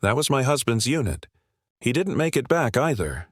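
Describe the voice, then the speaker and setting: A man voicing a quiet, dignified war widow in a storybook narration, speaking softly. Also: mid-range voice, sing-song, normal speed, no room sound, studio quality. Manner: soft-spoken.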